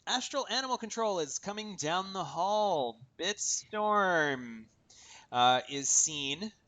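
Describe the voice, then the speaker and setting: A man's voice: sits high, lively intonation, slow, pushed and bright. A man narrating as game master in a casual tabletop session, chatty and full of fillers. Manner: chatty, many fillers, laughing at himself.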